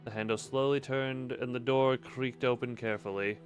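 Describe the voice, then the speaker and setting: A man's voice: medium pitch, fairly even intonation, moderate pace. Man narrating a story game over music. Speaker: game player reading dialogue aloud.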